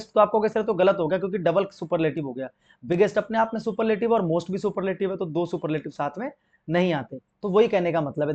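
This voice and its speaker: A young Indian man teaching an exam-prep grammar lesson, asking and answering his own questions and reading example sentences slowly. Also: sits high, darkish tone, lo-fi sound.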